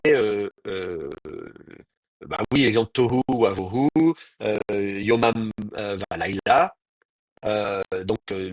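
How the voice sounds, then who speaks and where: Husky, hesitant male teacher. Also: fairly low pitch, dry recording. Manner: hesitant, thinking aloud with many pauses and restarts. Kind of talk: live online class lecture.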